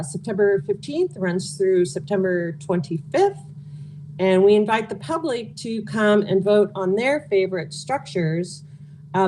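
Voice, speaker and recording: A woman's voice: mid-range voice, darkish tone, a little hiss or hum, poor audio. A woman answering interview questions as a local event organizer, speaking in a casual, candid way. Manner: informal, candid. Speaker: interview guest, local food and beverage nonprofit organizer.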